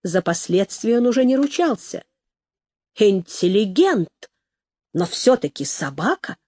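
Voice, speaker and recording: A woman reading a story aloud in an expressive, dramatic way. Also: mid-range voice, a little slow, no room sound. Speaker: narrator. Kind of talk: audiobook reading.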